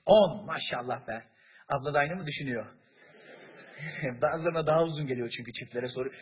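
A man's voice: medium pitch, a little fast. A man from Turkey performing stand-up comedy on a large theater stage, telling stories with acted-out voices and chatting with the audience. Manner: animated storyteller, acts out voices, chats with the audience. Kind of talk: stand-up comedy with crowd work.

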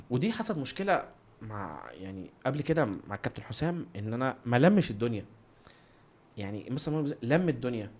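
A man's voice: medium pitch, sing-song, brisk, a little mellow, breathy edge. A man with an Egyptian Arabic accent, telling anecdotes as a footballer guest in an interview, acting out bits of dialogue as he goes. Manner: acts out dialogue and sound effects. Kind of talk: animated anecdotal interview talk.

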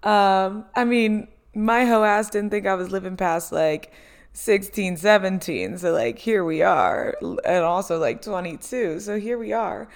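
A woman's voice: mid-range voice, measured pace, creaky. A woman, hosting a casual solo chat and talking with many "um"s and "like"s. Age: 20s. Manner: chatty, lots of "um" and "like", laughs often. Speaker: podcast host.

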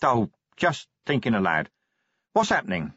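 A man voicing a weary male watch commander who speaks curtly and sardonically, his voice raised and lively. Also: fairly low pitch, husky, no room sound, heavily acted. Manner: curt, sardonic, brisk. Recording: dry, slightly dull audiobook sound.

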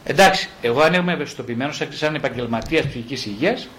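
A male psychotherapist explaining in an interview, animated and wry, acting out his patients' words. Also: medium pitch, a little hiss or hum, rough recording. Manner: animated storyteller who acts out patients' lines; wry and mocking.

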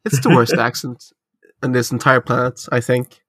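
A man's voice: medium pitch, steady tone, normal speed, fairly bright tone, dry recording, clean studio sound. A man with a Norwegian accent, co-hosting and editing a casual podcast, teasing and self-deprecating. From Norway. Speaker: podcast co-host and editor. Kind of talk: casual chat.

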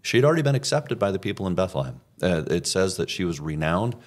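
A pastor casually talking over a recent sermon, thinking aloud with frequent restarts. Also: male voice, deep voice, very animated, quick pace.

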